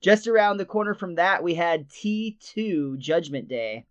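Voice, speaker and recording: High smooth-voiced guy on a podcast going scene by scene, kinda muffled lo-fi audio. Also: unhurried. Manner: retells scenes in detail, chuckling often. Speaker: podcast co-host. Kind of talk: casual podcast episode review. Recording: slightly dull lo-fi sound.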